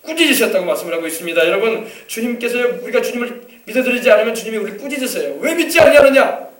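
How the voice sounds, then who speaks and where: A man's voice: sits high, expressive, rapid-fire, a bit bright, recorded from a distance. A male pastor preaching a sermon, asking his congregation questions and urging them on. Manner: preaching with call-and-response questions. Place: church sanctuary. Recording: echoey church from off-mic.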